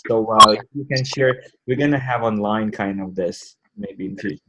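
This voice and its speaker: A man hosting an online community call, explaining things step by step in a halting way. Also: on the low side, muffled recording, background noise. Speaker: host presenting a crypto wallet.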